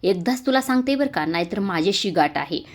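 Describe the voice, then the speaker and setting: A woman voicing a shouting, scolding aunt. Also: lowish voice, moderate pace, lightly acted. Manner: shouting, berating.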